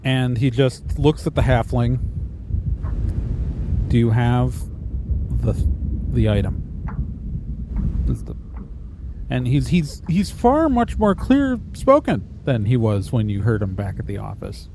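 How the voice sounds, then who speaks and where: A man narrates a tabletop game as its game master, improvising as he goes. His medium-pitched voice moves in a lively way. Clear noise sits behind him. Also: a little slow.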